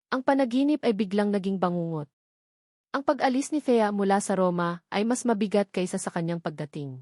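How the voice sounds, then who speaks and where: A woman with a Filipino accent narrates a scripted romance story in a dramatic storytelling style. Her voice is medium in pitch with a darkish tone. The studio sound is clean, with no room sound.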